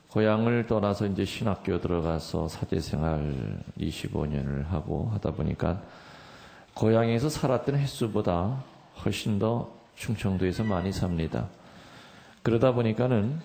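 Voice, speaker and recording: Gravelly-voiced Korean priest, joking sermon. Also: male voice, low-pitched, warm tone. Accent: slight Chungcheong lilt. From Incheon, South Korea. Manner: joking, storytelling, playfully mimics dialects. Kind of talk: humorous sermon to a congregation.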